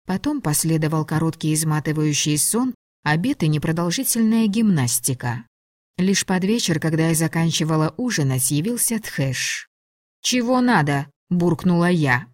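Narrator: woman, lowish voice, wry first-person audiobook read, dry booth. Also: lively intonation, moderate pace, darkish tone, no echo.

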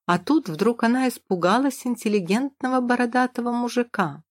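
A woman's voice: on the high side, moderate pace, no echo, studio quality. A woman narrating a first-person novel in a dramatic, vivid storytelling manner. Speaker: audiobook narrator.

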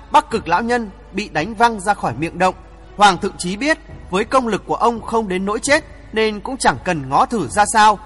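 A man narrating a martial-arts novel in a steady, dramatic storytelling manner. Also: high-pitched. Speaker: audiobook narrator. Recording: long reverb, faint music behind.

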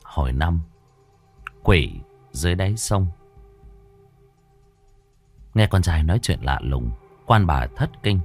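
A man narrating a ghost story as a storyteller, slow and expressive. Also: deep voice, soft background music.

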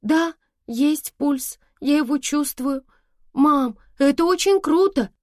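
A woman's voice: high voice, slow, a little mellow, no echo, clean studio sound, pitched above the performer's own voice. A woman voicing a frantic teenage girl who cries and pleads down the phone. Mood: shaken. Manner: crying, pleading, breathless.

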